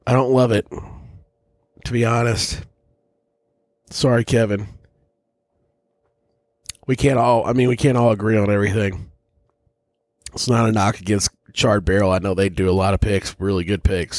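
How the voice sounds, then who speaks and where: A man's voice: on the low side, dry recording, clean studio sound. A man hosting a casual whiskey tasting, talking bluntly and rambling, with frequent swearing. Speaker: whiskey reviewer host.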